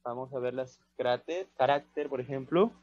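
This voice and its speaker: A man's voice: medium pitch, expressive, a little slow, darkish tone. A male primary school teacher explains a grammar lesson patiently, checking in with his pupils through frequent short questions. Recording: dull, muffled dry recording.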